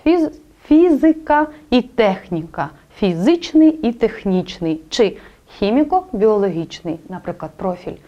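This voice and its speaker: A woman teaching a spelling lesson, explaining rules clearly and speaking directly to the student. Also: mid-range voice, big pitch swings, a little slow, mellow, muffled recording.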